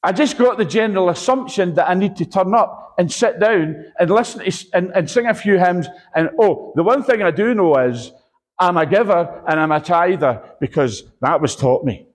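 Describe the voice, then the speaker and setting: A man's voice: high-pitched, normal speed. A man acting out a confused male churchgoer who talks in a hesitant, rambling way. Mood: puzzled. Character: confused adult male churchgoer, unsure of himself.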